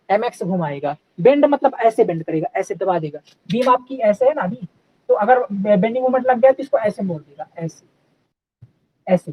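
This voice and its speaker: There's no room sound and the highs are cut off in this clip of a man with a very high voice leading a live online engineering class. He answers his own questions, mixes English technical terms into Hindi, and often checks on students with "okay" and "clear?"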